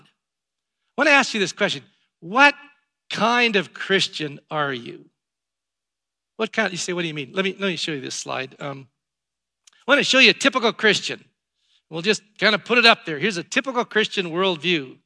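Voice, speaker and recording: A pastor preaching a sermon to his congregation, emphatic and building to loud exhortation. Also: sits high, lively intonation, normal speed, pauses often.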